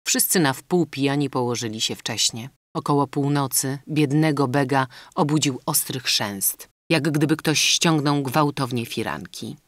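A man's voice: medium pitch, fairly bright tone, no echo. Man reading a classic novel aloud. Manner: measured literary reading. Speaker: audiobook narrator. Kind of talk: scripted narration.

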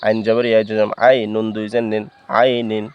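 Male teacher, low level voice, patient drawn-out syllable drilling, smooth clear tone, dry muffled recording. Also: little pitch movement, no echo. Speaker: Quran reading teacher. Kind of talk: slow spelling-out recitation lesson.

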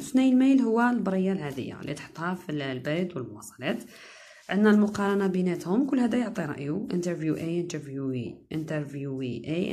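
A woman's voice: on the low side, mellow. A woman English teacher with an Algerian Arabic accent, giving a chatty recorded lesson that explains English terms in dialect, with frequent hesitations.

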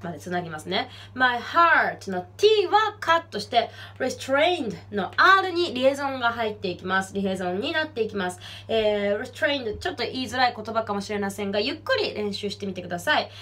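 A young woman teaching a singing lesson, explaining pronunciation and demonstrating lyric lines slowly and clearly. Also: on the high side, big pitch swings, pushed and bright. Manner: slow, clear demonstration of English lyrics, then brisk explanation. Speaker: vocal teacher.

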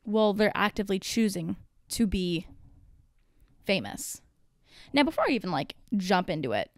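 A young woman in her twenties talks through a solo podcast episode in a loose, rambling way, full of "like" and the occasional swear. She sounds a little out of breath. Her voice is smooth and clear, recorded close and dry with no room sound. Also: medium pitch, no room sound. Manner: chatty and rambling, with many fillers and casual swearing. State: out of breath from caffeine. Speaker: podcast host. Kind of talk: casual solo podcast monologue.

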